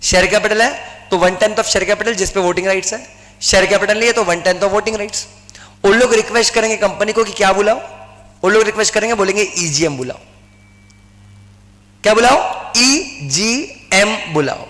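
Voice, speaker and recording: A man lecturing a class who keeps asking the room questions and answering them himself. His voice sits high for a man. The room adds a long, lingering hall reverb. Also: fairly quick, long pauses, a bit bright. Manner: drills students with repeated questions; mixes English terms into Hindi explanation. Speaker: teacher.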